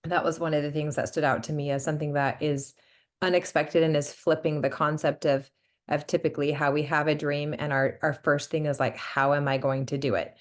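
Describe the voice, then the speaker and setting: A young woman with a sickly lowered voice, hosting a casual book club chat with lots of filler words. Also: level tone, brisk. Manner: chatty, many "like" fillers. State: sick, voice lowered.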